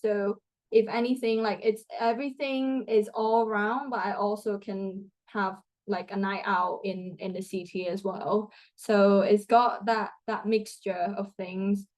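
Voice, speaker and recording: A young Thai woman, a student guest, talks through interview questions in a chatty manner, often restarting and using fillers. Her medium-pitched voice is steady, darkish, and measured, though the recording quality is low.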